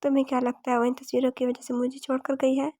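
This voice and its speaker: Narrator woman voicing bitter heartbroken young husband, storybook romance, high flat read. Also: quick pace, dry recording, studio quality. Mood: bitter, sorrowful.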